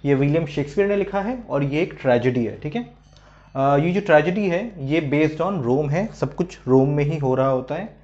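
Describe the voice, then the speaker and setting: A man's voice: on the high side, expressive, normal speed, a little mellow. Chatty male teacher, lo-fi sound. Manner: chatty, frequent "hai na" and "theek hai" check-ins; hesitant restarts while recalling names. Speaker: literature teacher. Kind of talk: casual explanatory lesson. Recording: dull lo-fi recording.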